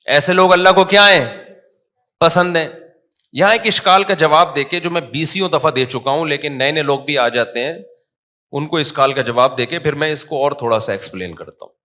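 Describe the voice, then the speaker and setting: A man's voice: on the high side, bright, forceful tone. A man with a Pakistani Urdu accent giving a conversational sermon in a mosque, often quizzing the audience with questions. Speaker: mufti giving a Friday talk.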